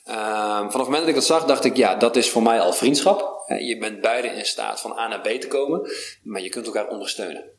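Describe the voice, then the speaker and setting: A man speaking as a podcast guest, telling stories in an animated, rambling conversational way. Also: on the low side, brisk. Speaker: podcast guest, vitality coach. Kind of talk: casual conversation. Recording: roomy sound with faint background noise.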